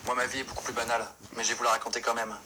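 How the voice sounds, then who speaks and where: A young man from northern France narrating his life story in a quick, self-mocking comic style. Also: mid-range voice, completely flat delivery. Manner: quick, self-mocking, jumps into silly voices. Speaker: comedy YouTuber. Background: music.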